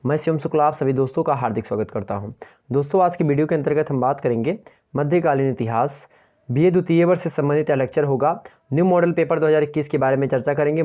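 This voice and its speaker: A young man teaching an exam-prep lecture online, who asks questions aloud and answers them himself and keeps urging viewers to like and share. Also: a little high. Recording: dull lo-fi sound.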